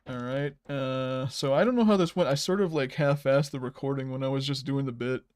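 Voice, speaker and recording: A man hosting a casual livestream, rambling while he edits and often trailing off into soft mutters. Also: medium pitch, brisk. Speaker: livestream host.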